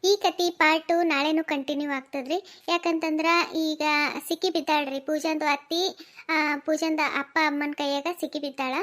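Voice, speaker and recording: A woman narrator speaks to viewers in a very high voice with a North Karnataka Kannada accent. Her manner is polite and informal as she makes a friendly appeal. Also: flat delivery, normal speed, fairly bright tone. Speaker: cartoon channel narrator. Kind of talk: closing remarks to viewers.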